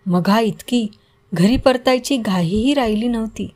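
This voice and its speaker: A woman narrating an audio story in the first person, with a measured, reflective reading. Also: a little high, darkish tone.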